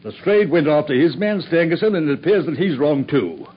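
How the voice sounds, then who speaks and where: Blunt impatient police inspector. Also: male voice, fairly high pitch, expressive, fairly quick, breathy edge. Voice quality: blunt, forceful. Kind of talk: 1950s radio drama acting. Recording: dull old radio broadcast with faint hiss.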